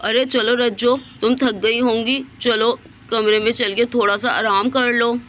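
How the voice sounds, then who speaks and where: A woman's voice: a little high, steady tone, a little slow, a bit bright, a little hiss or hum. A woman voicing a soothing, doting young husband in a doll story. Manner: soothing, coaxing. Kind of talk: storybook voice acting for a doll video.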